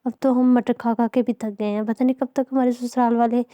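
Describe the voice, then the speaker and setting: A woman's voice: fairly high pitch, little pitch movement, brisk, dark tone, no room sound, lightly acted. A woman voicing a fed-up young daughter-in-law. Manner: complaining, grumbling.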